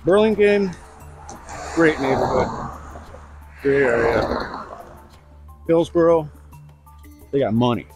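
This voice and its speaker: A man's voice: medium pitch, expressive, takes it slowly, pauses often, soft background music, low-quality recording. A middle-aged man rambling bluntly in a casual walk-and-talk vlog, recorded outdoors on a lapel mic. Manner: rambling, chatty, blunt asides. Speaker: vlogger. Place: outdoors on suburban streets. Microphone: lavalier mic.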